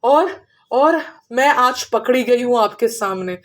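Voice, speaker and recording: Woman playing a shrill, begging witch. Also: expressive, slow. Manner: pleading, panicky, stammering. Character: wailing female witch posing as a wife.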